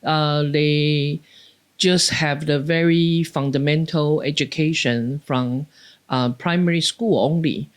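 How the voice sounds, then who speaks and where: A woman from Taiwan speaking English with a Taiwanese accent, answering interview questions haltingly and with frequent restarts. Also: deep voice, steady tone. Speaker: professor, podcast guest.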